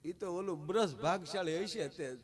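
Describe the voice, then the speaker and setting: A man with a Kathiawadi Gujarati accent telling a comic folk story to a live audience, animated and punchy, with repeated direct address. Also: high voice, normal speed, a crowd in the background.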